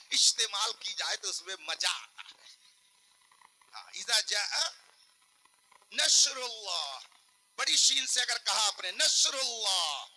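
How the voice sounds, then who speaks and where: A man preaching a sermon at a public gathering. He moves from soft teaching to loud shouted climaxes and draws out his recitations slowly. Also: high-pitched, husky, low-quality recording. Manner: recites Quranic phrases slowly and drawn out.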